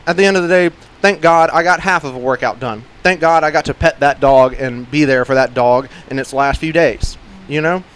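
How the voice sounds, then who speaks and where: A man's voice: a little high, a little fast, hardly any pauses, a bit bright, clear, resonant tone. A man hosting a casual fitness podcast, rambling with lots of "like" and "you know" and swearing now and then. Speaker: gym coach and podcast host.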